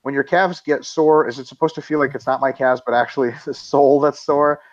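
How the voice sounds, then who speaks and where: A man's voice: medium pitch, fairly even intonation, brisk, highs cut off. A man co-hosting a casual webinar Q&A, reading out listener questions and answering them bluntly with plenty of swearing. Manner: blunt, emphatic, swears freely.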